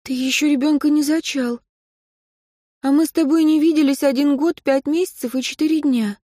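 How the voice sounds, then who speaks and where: A woman's voice: sits high, normal speed, dark tone, dry recording, clean studio sound, voice pushed up, close to an everyday voice. A woman reading an audiobook, voicing a young woman in love who speaks earnestly and pleads. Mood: pleading.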